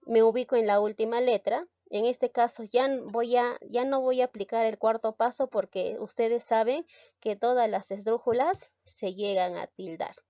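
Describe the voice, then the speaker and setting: A woman's voice: a little high, normal speed, warm tone, no echo, muffled recording. A woman teaching a grammar lesson, explaining step by step and stressing key syllables.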